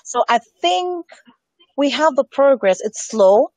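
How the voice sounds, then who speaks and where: A woman's voice: high-pitched, expressive, slow pace, darkish tone, no room sound, poor audio. A woman speaking as a health educator in an earnest interview, repeating key phrases for emphasis. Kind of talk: earnest conversational discussion on health.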